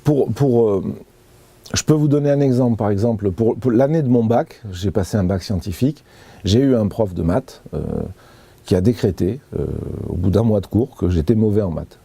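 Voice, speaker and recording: Gravelly dark-voiced man explaining earnestly. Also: lowish voice, normal speed, no echo. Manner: earnest, explaining with frequent hesitations and restarts. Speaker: interview guest. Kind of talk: personal account in an interview.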